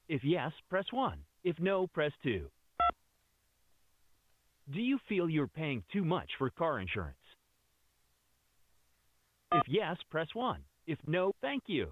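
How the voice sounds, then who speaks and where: A man's voice on a recorded phone message, reading scripted promotional prompts in an upbeat, sing-song way. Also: fairly high pitch. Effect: recorded phone message, robocall. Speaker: automated sales call voice. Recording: tinny phone line with faint hiss.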